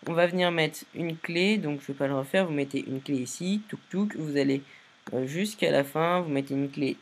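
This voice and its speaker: A tired man casually narrating a software tutorial, giving step-by-step instructions with many fillers and restarts. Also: fairly high pitch, moderate pace. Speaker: video editing tutorial maker.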